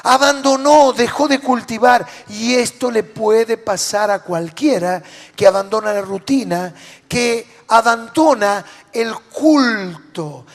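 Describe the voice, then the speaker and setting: A man with a Rioplatense Spanish accent preaching a sermon as pastor, asking the congregation rhetorical questions and dropping to quiet endings after loud lines. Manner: swings between loud declarations and low, quiet endings. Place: large church hall. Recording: reverberant church hall.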